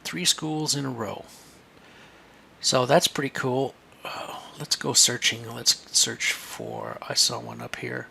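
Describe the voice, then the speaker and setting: Gravelly, bright-voiced man teaching on screen. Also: medium pitch, steady tone, takes it slowly, slight background noise. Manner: chatty, thinking aloud while pointing things out. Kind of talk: screen-share lesson for kids.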